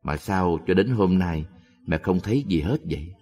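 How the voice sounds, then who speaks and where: A soft, pleading old mother, read by a man with a very low voice. She speaks gently and quietly, and the storytelling has a long hall reverb behind it. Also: animated, moderate pace, husky. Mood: gentle. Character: worried devout old mother, soft-spoken.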